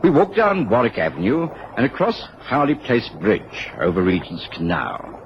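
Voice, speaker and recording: A man playing a loyal doctor companion in a radio drama, telling the detective's story in a measured, gentlemanly way. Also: medium pitch, huge pitch swings. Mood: measured storytelling. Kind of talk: radio drama narration and dialogue. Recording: muffled, faintly noisy radio drama recording.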